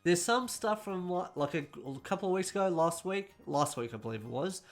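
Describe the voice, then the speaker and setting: Rambling quick-talking male gaming host. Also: sits high, animated, faint music behind. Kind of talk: casual gaming news roundup.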